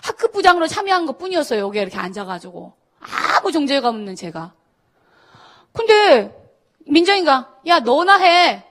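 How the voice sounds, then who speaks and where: Animated middle-aged woman preaching. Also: high voice, fairly quick. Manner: animated storytelling, acting out quoted voices. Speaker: pastor. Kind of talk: sermon testimony to students. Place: church service.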